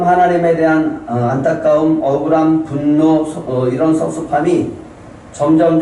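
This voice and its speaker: A male pastor preaches a Sunday sermon and keeps putting questions to his listeners. His voice sits a little high for a man but sounds mellow and dark. It reaches the mic from a distance through a very echoey church hall. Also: slight background noise. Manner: asks the congregation many rhetorical questions. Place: church sanctuary.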